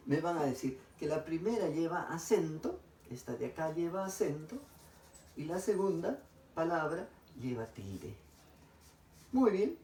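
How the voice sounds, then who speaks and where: A male teacher, recorded a little away from the mic in a roomy, echoing space. His voice is mellow and dark. He asks his pupils questions, pauses, and answers them himself with warm praise. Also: on the high side, distant mic. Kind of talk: recorded classroom lesson.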